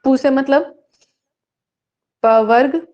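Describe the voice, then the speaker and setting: A woman teaching an online Sanskrit exam-prep class who poses questions and answers them herself, reciting rules slowly. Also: high voice, highs cut off.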